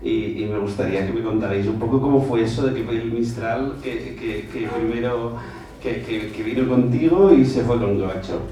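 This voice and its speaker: Man, audience question, rambling, mellow, distant, very echoey hall. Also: mid-range voice, normal speed, slight background noise. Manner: rambling, repeating words. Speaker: audience member asking a question.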